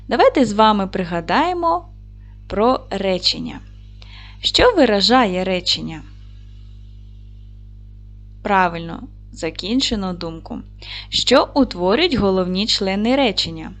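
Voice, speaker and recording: A woman's voice: mid-range voice, animated, measured pace, long pauses, faint music behind. A woman teaching a recorded lesson to young children. She is patient and encouraging, asks questions, and answers them herself. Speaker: primary school teacher.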